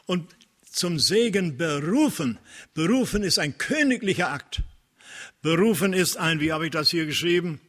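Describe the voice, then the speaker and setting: A man preaching a sermon in an earnest way, slowing down to stress key phrases. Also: fairly high pitch, animated. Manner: earnest, preaching with Bible quotes, occasional restarts and hesitations; slows down and gets louder to stress key phrases.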